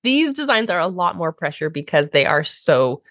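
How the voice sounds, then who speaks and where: A woman with a low-pitched voice hosts a podcast, walking through how she works as a designer. She sounds enthusiastic and explains things clearly. The recording is dry and close. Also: sing-song, normal speed, a bit bright, no room sound. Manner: enthusiastic, explanatory, acts out clients in high voices. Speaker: podcast host, brand strategist and designer. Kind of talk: podcast conversation.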